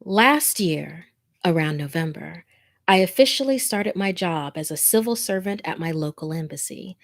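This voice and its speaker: A woman with a lowish, expressive voice hosts a scary story show at a moderate pace. Informal and easily amused, she chats with livestream viewers and reads their messages and stories out loud.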